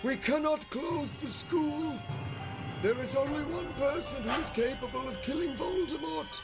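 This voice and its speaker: Brief: grave old male headmaster, a man putting on a high voice. Slow, solemn proclaiming over loud music. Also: vocal fry, exaggerated voice.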